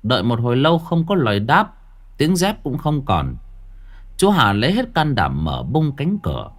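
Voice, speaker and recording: A man narrates a ghost story in a folksy way. His pitch rises and falls in a lively way. He keeps a homely, storytelling tone. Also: moderate pace.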